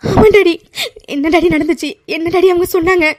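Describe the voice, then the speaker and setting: A woman's voice: extremely high pitch, steady tone, brisk, a little mellow. A woman voicing Maya, a whiny jailed young woman. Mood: pleading. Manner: whiny pleading, keeps saying daddy. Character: spoiled young woman jailed, tearful, pleading. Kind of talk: cartoon voice acting.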